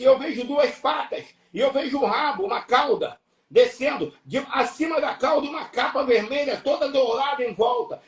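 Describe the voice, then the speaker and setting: A man with a Brazilian Portuguese accent preaching an impassioned sermon, emphatic and repetitive, breaking into shouts. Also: extremely high pitch. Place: church or live stream hall. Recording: echoey room, voice from far off.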